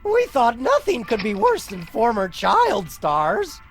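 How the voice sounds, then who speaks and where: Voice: medium pitch, huge pitch swings, slow, exaggerated voice. An actor playing a whiny, petulant, grandiose young prince of hell in a video game, melodramatic in delivery. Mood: boastful. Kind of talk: video game character acting. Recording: music behind the voice.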